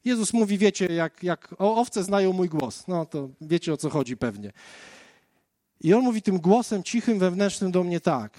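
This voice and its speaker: A man's voice: high-pitched, animated, moderate pace, mellow, no room sound, clean studio sound. A man preaching a conversational sermon, telling his own testimony as a story and speaking straight to the listeners. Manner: storytelling, addressing the listeners directly.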